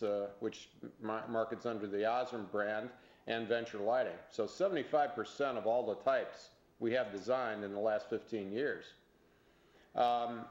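A middle-aged man, a company executive, speaking unscripted to camera from an office and pausing often with "uh" fillers. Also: medium pitch, darkish tone. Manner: halting, with many "uh" fillers and restarts. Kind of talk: unscripted talk to camera over a teleconference. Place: office room. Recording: dull, echoey teleconference sound.

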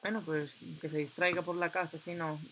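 Excitable woman narrating a game. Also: low voice, fairly quick, slight background noise. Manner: chatty and excitable, reading game options aloud. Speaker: gameplay commentator. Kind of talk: casual let's-play commentary.

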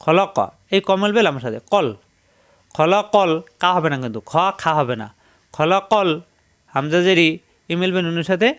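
A man teaching Quran reading, spelling each syllable slowly and then chanting the verse in a raised voice. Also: fairly high pitch, animated, fairly bright tone. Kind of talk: spelling-out recitation lesson.

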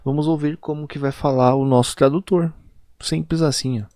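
A man with a Brazilian Portuguese accent teaching an online lesson in a chatty way, often ending lines with little tag questions and stretching example words out slowly. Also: on the high side, steady tone, darkish tone, dry recording, studio quality. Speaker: English teacher. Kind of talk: casual online video lesson.

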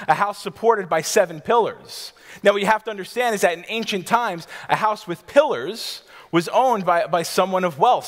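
Pastor guy preaching from the stage, kinda high voice, big hall reverb. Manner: teacherly, pictures scenes for listeners, some restarts. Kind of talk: sermon. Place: church stage before a seated congregation. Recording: long hall reverb of a church.

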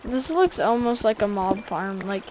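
A woman's voice: medium pitch, lively intonation, a little slow, background noise. A woman giving casual gameplay commentary, rambling and chatty as she talks straight to her viewers. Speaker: gaming video creator.

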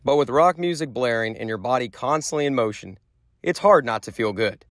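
A man's voice: medium pitch, expressive, a little fast, no room sound. A man reporting a light news feature with an upbeat, self-deprecating manner. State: out of breath.

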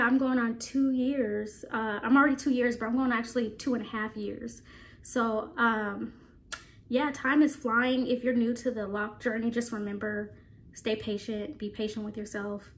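A woman vlogger talking casually to her viewers, chatty and rambling with frequent laughs, her voice a little stuffy from allergies. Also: fairly high pitch. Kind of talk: casual chat to camera.

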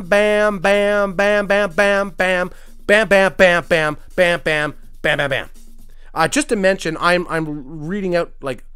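Deadpan man reciting lyrics, lively pitch. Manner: mock-serious, dry commentary between lively recited lines. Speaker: podcast host. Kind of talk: deadpan comic reading of rap lyrics.

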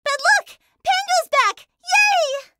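A woman voicing a small, excitable, childlike creature sidekick in a video game. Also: a little high, slow pace, vocal fry, noisy background, heavily acted. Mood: excited.

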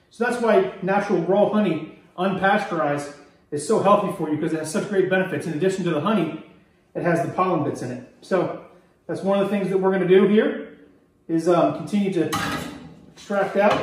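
A middle-aged beekeeper from Maryland talking through a hands-on demonstration while he works, relaxed and explanatory, recorded on a camera mic a few feet away in an indoor workroom. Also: high-pitched, recorded from a distance. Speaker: beekeeper demonstrating honey harvest. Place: indoor workroom, hard surfaces. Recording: echoey room, voice off-mic.

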